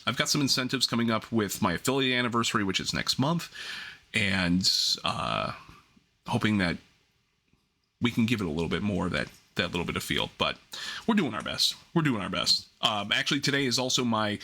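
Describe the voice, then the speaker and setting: A man's voice: lowish voice, animated, fairly quick, bright, forceful tone. A man hosting a livestream in casual gaming chat, rambling and often interrupting himself as he gets sidetracked. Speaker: livestream host.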